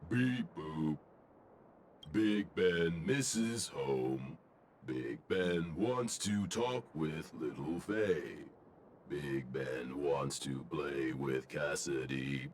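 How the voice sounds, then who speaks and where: A man voicing a beeping little robot drone that is homesick and simple, speaking in slow, halting robotic phrases broken by beeps. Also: extremely low pitch, darkish tone, slight background noise, exaggerated voice. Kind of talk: video game voice acting.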